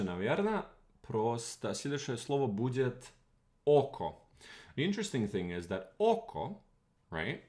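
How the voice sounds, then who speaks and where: A Croatian-speaking man streams a chatty, meandering lecture on language history, working through his ideas aloud as he goes. His voice is lowish and darkish, with noticeable vocal fry.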